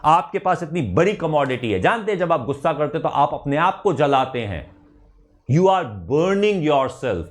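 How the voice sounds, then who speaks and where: A man's voice: on the high side, big pitch swings, measured pace. A middle-aged man, a chemistry teacher, giving an emphatic motivational talk to exam students, asking rhetorical questions and slipping English phrases into his speech.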